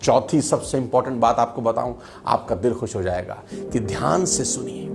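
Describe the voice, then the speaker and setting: A man giving a motivational talk to camera, animated and storytelling, with acted quotes and jokes. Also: medium pitch, moderate pace, creaky, faint music behind. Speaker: motivational speaker and video creator.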